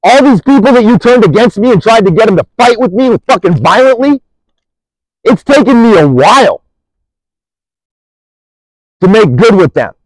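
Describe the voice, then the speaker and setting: A man's voice: high-pitched, animated, moderate pace, pauses often, dry recording, low-quality recording. A man delivering an angry, profane monologue, accusing and rambling, restarting sentences as he goes.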